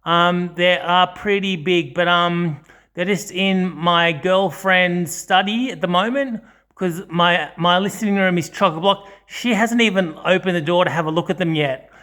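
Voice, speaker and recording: Indoors in a small home study, a male audio channel host gives an unscripted, casual video walkthrough, hesitating, rambling and frequently correcting himself. His high-pitched voice sounds pushed and bright, and he keeps a measured pace.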